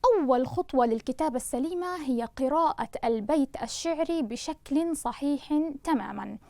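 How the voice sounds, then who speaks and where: A woman teacher giving a recorded grammar lesson, speaking slowly and deliberately and spelling out sounds for her students. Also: high-pitched, no echo. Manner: slow, deliberate, spelling out syllables; addresses students warmly as loved ones. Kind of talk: online Arabic lesson.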